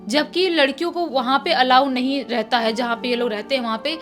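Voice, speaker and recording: A woman tells a horror story in a casual, chatty way, circling back over her words as she goes. Her voice sits high, and soft music plays faintly underneath. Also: a little fast. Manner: chatty, repetitive, animated retelling. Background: faint background music.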